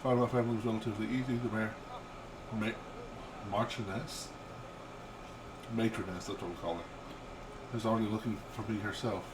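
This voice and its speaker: An older man voicing a playful, irreverent young noblewoman from a video game, lively and emphatic, over background noise. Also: lowish voice, moderate pace, long pauses, close to an everyday voice. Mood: matter-of-fact. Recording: steady background hum and noise.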